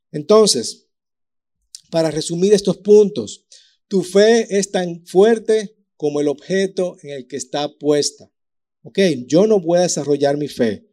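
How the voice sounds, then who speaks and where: Man, preacher, animated storytelling, warm tone. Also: a little high. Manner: lively storytelling with acted-out voices and sound effects. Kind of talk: sermon.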